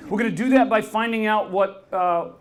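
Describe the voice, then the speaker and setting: A man's voice: high voice, normal speed. A man hosting a live podcast, talking with an upbeat, chatty manner and often asking the crowd questions. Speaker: podcast host. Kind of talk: live podcast talk to an audience. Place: bar venue with a live audience.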